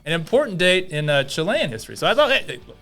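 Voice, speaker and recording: Dude hosting a pod, kinda high voice, upbeat, faint music under it. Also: male voice, sing-song, quick pace, fairly bright tone. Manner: upbeat, conversational, leads the talk. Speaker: podcast host. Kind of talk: casual podcast chat.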